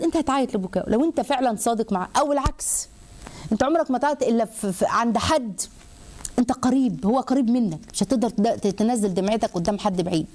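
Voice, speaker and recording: A woman with an Egyptian accent giving a religious lesson to women, lively and animated, asking herself questions as she goes. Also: fairly high pitch. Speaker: religious teacher.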